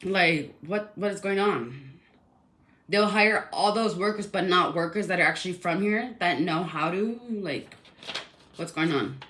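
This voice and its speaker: Woman, bright voice, casual rant, rambling with lots of fillers, indignant. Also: fairly low pitch, measured pace, a little hiss or hum. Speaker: resident telling a complaint.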